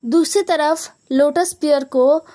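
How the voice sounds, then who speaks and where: A woman's voice: high-pitched, slow, warm tone. A woman retelling a story in a casual, chatty way, often stopping to explain with asides. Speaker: story narrator.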